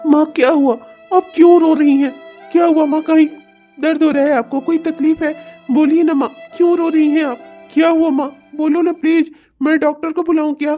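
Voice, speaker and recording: A woman's voice: high-pitched, moderate pace, warm tone, soft background music, lightly acted. A woman voicing a devoted young son in a cartoon, anxious, pleading and tearful. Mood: worried. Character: devoted young adult son Nikhil, emotional. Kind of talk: cartoon voice acting.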